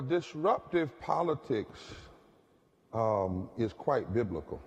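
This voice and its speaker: A man's voice: on the low side, darkish tone, highs cut off. A man, an activist preacher, telling stories with a preacherly cadence in a public conversation. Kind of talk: impassioned storytelling in a public conversation. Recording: long reverb of a large hall.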